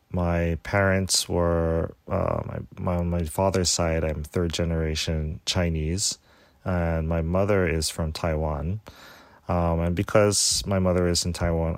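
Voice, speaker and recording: A man from Hawaii, a guest on an interview podcast, talking casually with frequent pauses and restarts. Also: sits low, gravelly, no room sound. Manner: halting, many fillers and restarts. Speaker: guest, tea shop owner.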